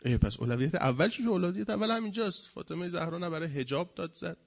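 A man giving a religious lecture, mocking people in quick put-on voices and swinging between loud and quiet. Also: high voice, lively intonation, vocal fry.

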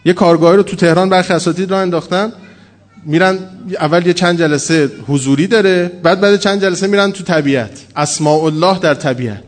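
A man preaching a sermon from a pulpit, telling stories with humor and acting out quoted dialogue. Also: high voice. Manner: animated, humorous storytelling, acts out quoted dialogue. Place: mosque or religious hall at a pulpit.

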